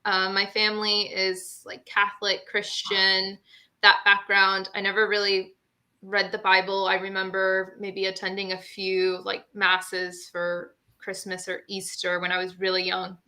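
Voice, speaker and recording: A woman's voice: mid-range voice, completely flat delivery, measured pace, pushed and bright. A young woman from Honduras, a guest on an online talk show, telling her own story in an earnest, candid way with frequent fillers. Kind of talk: personal storytelling in a live-stream talk.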